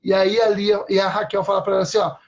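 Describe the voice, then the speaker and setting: A man's voice: high voice, monotone, quick pace, gravelly, lo-fi sound. A man preaching a sermon in a conversational way, often checking in with his listeners.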